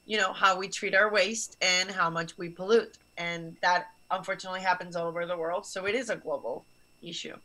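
The voice is on the low side, steady, brisk and sharp, captured at low quality through a video call webcam. It belongs to a young woman from Barcelona, Spain, a guest scientist earnestly explaining science to students from a small office while gesturing.

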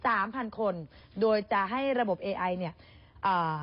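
A woman's voice: mid-range voice, normal speed, highs cut off. A woman co-hosting a casual news show, chatting and speaking straight to the viewers. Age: adult with a child. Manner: chatty, addresses viewers directly.

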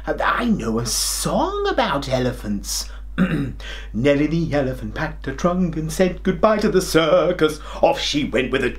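Taking on the role of a forgetful, good-natured grandfather king, a middle-aged man tells a children's story in a voice on the high side. He's unhurried and expressive, with a lively melodic swing, theatrical jollity, exaggerated pauses and chuckles.

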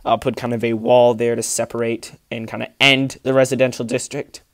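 Man, casual rambling vlogger, dry close phone sound, mid pitch. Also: little pitch movement, fairly quick, dry recording. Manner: rambling, many fillers and restarts. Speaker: Lego city builder and channel host. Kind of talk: casual vlog walkthrough. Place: indoor room with a large Lego table, behind the camera.

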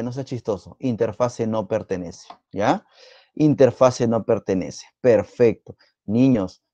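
A man with a Peruvian Spanish accent teaching a live online biology exam-prep class, quizzing students in a playful, teasing way and repeating words rapidly. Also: mid-range voice, dark tone, no room sound, highs cut off.

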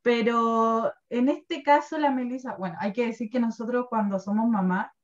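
A woman's voice: on the high side, normal speed. Chilean woman, 30s, talkative guest with lots of laughs, dull lo-fi sound. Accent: Chilean Spanish. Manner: chatty and animated, laughs often, tells things with feeling. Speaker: guest presenting wellness products. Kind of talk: casual chat. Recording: dull lo-fi recording.

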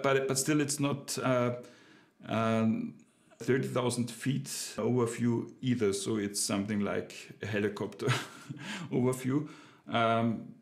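A business owner reviews a book in casual, unscripted talk to camera from an indoor home office lined with bookshelves. His gravelly, medium-pitched voice is full of hesitations, fillers and restarts.

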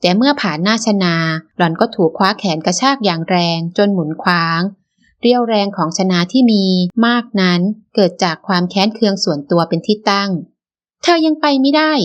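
A woman narrating a novel as an audiobook, in a steady, dramatic storytelling manner. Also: medium pitch, muffled recording.

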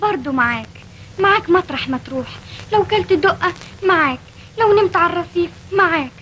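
An actress playing the shop owner's devoted young daughter, who speaks in earnest declarations with an Egyptian accent. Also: female voice, very high voice, lively intonation, fast, a bit bright, a little hiss or hum, poor audio. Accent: Egyptian Arabic.

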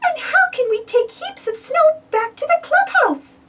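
A woman voicing a sweet, curious female cartoon mouse in a children's storybook, with an expressive, questioning manner. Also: very high voice, measured pace, pitched above the performer's own voice, exaggerated voice. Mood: curious, concerned.

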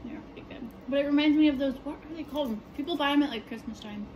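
A woman's voice: high-pitched, fast talker, darkish tone. A woman in casual chat as a guest taste tester, chewing while she talks and hesitantly searching for words. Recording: noisy background hiss.

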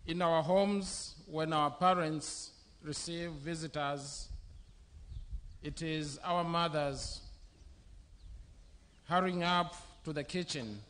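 A middle-aged bishop preaches into a podium microphone under an open-air canopy. His voice sits a little high for a man, and he delivers the sermon very slowly, one short phrase at a time. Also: fairly even intonation, a bit bright. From Zambia. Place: outdoor covered church venue.

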